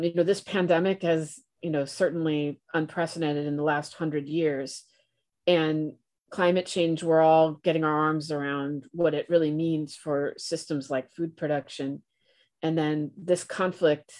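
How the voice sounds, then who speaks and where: Low-voiced woman interviewer, thoughtful. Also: a little mellow. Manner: thoughtful, frequent fillers like "you know". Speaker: podcast interviewer. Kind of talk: interview questions.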